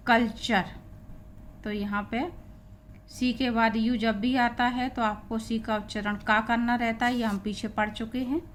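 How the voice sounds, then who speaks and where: There's a little hiss or hum as an Indian-accented woman with a fairly high voice teaches English pronunciation to a class. She spells each word out letter by letter, repeating each of its sounds.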